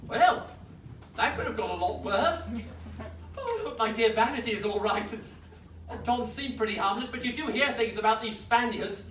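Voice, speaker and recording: A flustered, posh British naval officer, acted by a woman in a live stage farce. He talks in a fussy, nervous way, with a high voice that moves up and down a lot. The sound is distant and roomy. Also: expressive, normal speed, a little hiss or hum, natural voice. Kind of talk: live stage comedy acting. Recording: echoey stage, picked up from far off.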